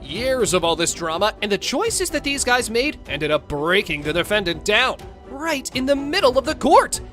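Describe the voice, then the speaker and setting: A woman's voice: a little high, very animated, normal speed, a bit bright, soft background music. A woman narrating in a playful, theatrical scripted style, with sassy, slangy asides. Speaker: narrator of a court show recap.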